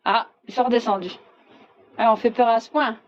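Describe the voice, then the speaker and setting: A woman's voice: on the high side, fairly even intonation, brisk, dull audio. A woman hosting a casual live chat, talking bluntly and sarcastically, dropping Arabic phrases into her speech. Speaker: livestream host.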